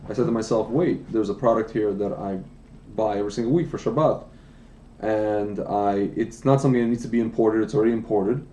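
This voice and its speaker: A brisk, mellow, lowish male voice comes through an echoey room with slight background noise. On an indoor livestream podcast, this American wine business founder in his late thirties shares his life story in a casual, rambling chat with plenty of restarts and asides.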